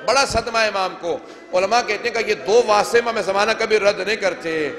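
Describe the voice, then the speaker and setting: High-voiced preacher in echoing hall. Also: male voice. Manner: declamatory, retells narrations with quoted dialogue. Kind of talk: majlis sermon recitation. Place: large hall with long reverb. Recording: echoey reverberant hall.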